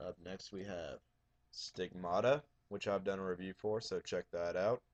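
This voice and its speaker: A man with a horror DVD collection, talking casually in a raised, loud, profane voice. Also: low-pitched, steady tone, moderate pace, muffled recording, slight background noise. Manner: raising his voice, loud and profane. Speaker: horror DVD collector showing his shelf. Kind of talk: casual video blog.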